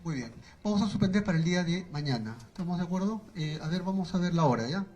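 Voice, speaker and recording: A man with a Peruvian Spanish accent presiding as judge over a court hearing, giving procedural instructions and rulings, often pausing on fillers. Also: sits high, expressive, darkish tone.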